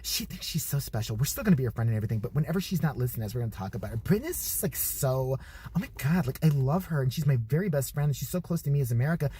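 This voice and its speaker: A man's voice: medium pitch, expressive, racing, mellow, slight background noise, voice pushed down, natural voice. A man doing a catty teenage girl president. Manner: valley-girl drawl, full of "like".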